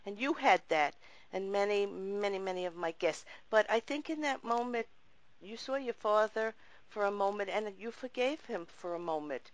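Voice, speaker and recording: A woman's voice: mid-range voice, animated, normal speed, dry recording, rough recording. A woman hosting an interview show, speaking in an earnest, reflective and spiritual way. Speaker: host.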